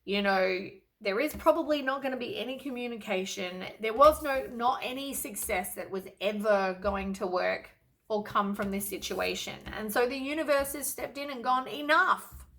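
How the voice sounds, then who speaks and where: A woman's voice: a little high, normal speed, fairly bright tone. A woman doing a casual tarot reading to camera, blunt and exasperated, with lots of sighs and casual swearing. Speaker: tarot reader.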